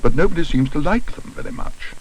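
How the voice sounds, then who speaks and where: A man's voice: medium pitch, very animated, normal speed, slight background noise, voice pushed up, rough recording. A man voicing a polite, earnest young bear who takes things literally, in a children's storybook. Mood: injured.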